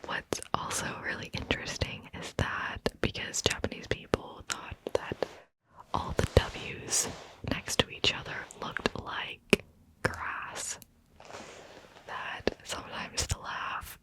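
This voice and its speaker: A woman hosting an ASMR video in a close whisper, right in your ear on a binaural mic, lingering over and repeating words. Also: low-quality recording. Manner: slow, lingering repetition of words. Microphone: close binaural microphone.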